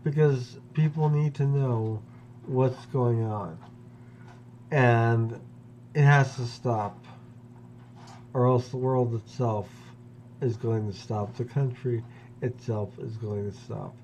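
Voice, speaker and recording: A man in his fifties delivers a personal monologue, pausing often and weighing each phrase. His voice is mellow and dark, and he speaks slowly. The recording is dull and lo-fi, with a faint hum underneath. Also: medium pitch, fairly even intonation. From Pennsylvania, US. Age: 50s. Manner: slow, deliberate, with long pauses. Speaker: vlogger.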